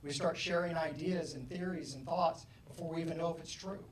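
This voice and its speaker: Animated middle-aged man in an echoey hall. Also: a little high, brisk, a little hiss or hum. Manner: animated, acts out dialogue, loud bursts. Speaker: motivational speaker. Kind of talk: keynote talk to an audience. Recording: roomy, distant hall mic, faint ambience.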